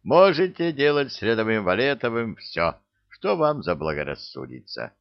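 A man's voice: mid-range voice, big pitch swings, normal speed, creaky, no room sound, dull audio. A man voicing a blunt, commanding middle-aged army lieutenant colonel. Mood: stern.

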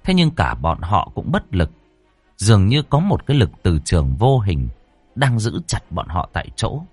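A man's voice: lowish voice, big pitch swings, moderate pace, darkish tone, slightly rough, no room sound, faint music behind. A man reading a ghost story aloud with a dramatic, swooping delivery.

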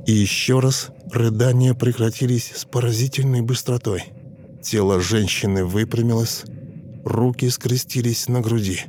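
A man narrating a dramatic audiobook in a measured, expressive way. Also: medium pitch, a little hiss or hum. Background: soft music.

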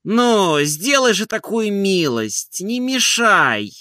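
A man voicing a lazy, sleepy landowner who is hoarse and petulant. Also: high-pitched, animated, slow, sharp tone, dry recording, clean studio sound, voice pushed up, full character voice. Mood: irritable. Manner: whiny, petulant.

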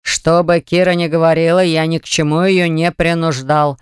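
A reader voicing a callous small-company boss who defends himself in slow, indignant tones. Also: male voice, on the high side, flat delivery, clear, resonant tone, no echo, studio quality, close to an everyday voice. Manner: slow, indignant, self-justifying.

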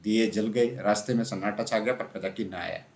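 A man narrating a classic children's story aloud in a steady storytelling manner. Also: on the low side, normal speed, gravelly. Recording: roomy echo.

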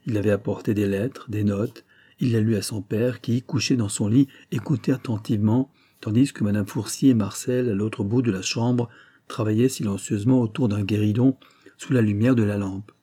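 Low husky male audiobook narrator. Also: steady tone, moderate pace, mellow. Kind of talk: scripted narration of a classic novel.

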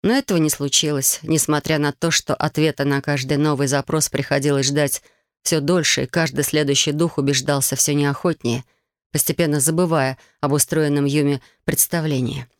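An audiobook reader narrating a fantasy novel in a measured, even storytelling manner on a close studio mic. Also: mid-range voice, no room sound.

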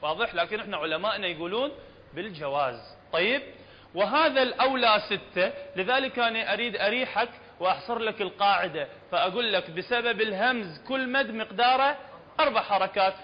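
A man with an Iraqi Arabic accent teaching the rules of Quran recitation in a fairly high voice. He explains patiently and keeps checking whether his listeners follow. The recording is dull and lo-fi, with a long reverb tail. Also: a little fast, a little hiss or hum. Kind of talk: religious lesson on recitation rules.

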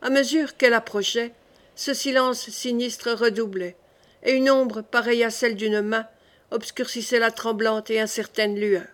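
Woman reading an old novel aloud, steady and clear, voice a bit high. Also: moderate pace. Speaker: audiobook narrator. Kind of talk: scripted narration of a classic novel.

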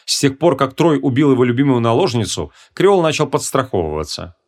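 A man narrating a humorous fantasy audiobook in an expressive, dramatic storytelling manner. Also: mid-range voice, fairly quick.

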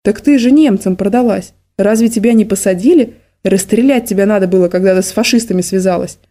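A woman's voice: brisk, warm tone, close to an everyday voice. A woman voicing a confused, bitter old woman. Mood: hostile, shrill. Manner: rambling, then shrill and accusing.

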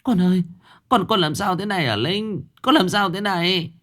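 Frantic fretting mother as a man puts her on, raised high voice, tearful, storybook figure. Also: moderate pace, a bit bright. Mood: wailing. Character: frantic worried middle-aged mother.

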